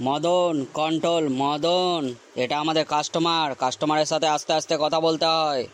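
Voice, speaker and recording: Cartoon comedy: actor doing a calm, peace-keeping shop partner, steady mid voice. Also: mid-range voice, moderate pace, slight background noise, natural voice. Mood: soothing. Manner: soothing, steady.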